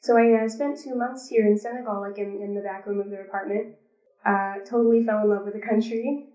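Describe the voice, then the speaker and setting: Her medium-pitched voice is mellow and brisk, with fairly even intonation. She's a Pacific Northwest woman in her thirties, a behavior analyst chatting as an interview guest, and she ums and restarts a lot. The call recording is lo-fi and roomy.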